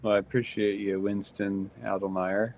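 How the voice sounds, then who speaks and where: A cartoonist co-hosting a casual livestream chat, easygoing and quick to agree. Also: male voice, fairly low pitch, flat delivery, darkish tone, a little hiss or hum. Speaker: cartoonist and co-host.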